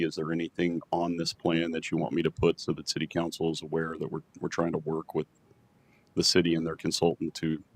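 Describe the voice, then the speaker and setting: Very deep, flat-voiced man. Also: slight background noise. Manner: relaxed, joking, conversational. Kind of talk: meeting discussion.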